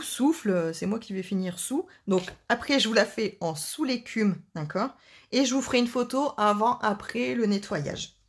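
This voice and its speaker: A woman hosting a casual live card-making demonstration, chatting and joking with her viewers as she works. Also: on the high side.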